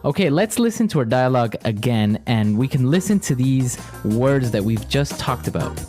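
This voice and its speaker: A man's voice: medium pitch, very animated, normal speed, music in the background. A man teaching vocabulary conversationally, repeating key words and checking with short questions. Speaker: host and English teacher.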